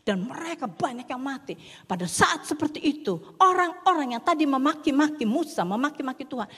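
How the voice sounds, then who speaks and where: A woman's voice: sits high, expressive, fairly quick, fairly bright tone. A woman preacher giving a dramatic sermon that slips into English words and drops to whispers for emphasis, recorded in a church hall. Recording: long church hall reverb.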